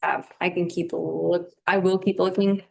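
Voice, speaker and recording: A woman's voice: on the low side, flat delivery, normal speed, vocal fry, darkish tone, a little hiss or hum. A woman serving as town clerk-treasurer, calling roll and reporting finances in a careful, hesitant way with many ums. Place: town council meeting room.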